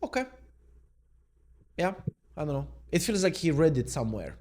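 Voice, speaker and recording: A man's voice: fairly high pitch, lively intonation, a little fast, darkish tone, a little hiss or hum. A man, a mindset coach, thinking aloud in an unscripted reaction video, laid-back and questioning as he goes. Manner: musing, thinks aloud and questions what he reads.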